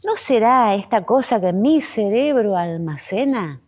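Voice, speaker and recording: A woman hosting a reflective spiritual talk, speaking in pausing, list-like phrases that often drop softly in pitch. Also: animated. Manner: slow, pausing, list-like delivery with soft drops in pitch. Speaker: host.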